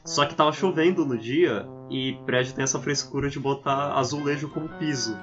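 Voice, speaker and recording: A young man calmly telling a story in casual chat. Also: medium pitch, normal speed. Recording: dull sound with music underneath. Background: guitar music.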